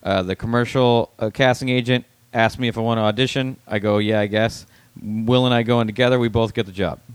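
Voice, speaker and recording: A man's voice: mid-range voice, steady tone, fairly quick, smooth, no room sound. Blunt, profane man telling stories. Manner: profane, blunt storytelling in present tense. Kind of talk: casual chat.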